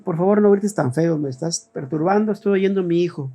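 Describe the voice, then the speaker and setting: A man with a Mexican accent voicing God as a gentle, attentive heavenly father who talks in a soft, conversational way. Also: sits high, a little fast.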